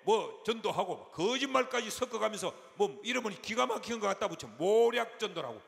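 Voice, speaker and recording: Lively Gyeongsang-accented male preacher. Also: sits high, moderate pace, creaky. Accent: Gyeongsang Korean. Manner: animated, folksy, acts out quotes. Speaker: senior pastor, guest revival preacher. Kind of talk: revival sermon. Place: large church sanctuary. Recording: long hall reverb, faint noise.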